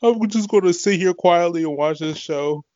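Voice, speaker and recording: A man's voice: high-pitched, moderate pace, dark tone, no room sound. A man chatting casually while watching a TV show, joking around with crude banter. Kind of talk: casual chat. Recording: dull lo-fi dry sound.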